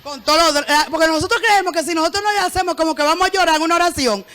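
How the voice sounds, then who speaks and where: A woman pastor preaching a sermon in church, lively and joking, often having the congregation repeat her phrases. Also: extremely high pitch, racing.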